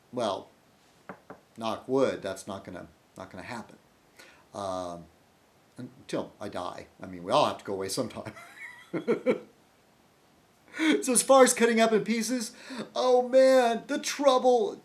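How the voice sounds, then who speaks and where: A man hosting a casual video blog monologue, rambling and breaking off mid-sentence while he answers his commenters. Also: fairly low pitch. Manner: rambling, self-interrupting, addresses commenters. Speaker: video blogger host.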